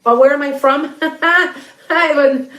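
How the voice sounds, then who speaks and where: This tarot reader, a middle-aged woman from the Beloit, Wisconsin area of the Midwest US, has a Northern Illinois Chicago-area accent and a high, fairly bright voice with a steady tone. She talks slowly in an echoey room during a casual livestream, fielding viewer questions, rambling, starting over, and often breaking into laughter.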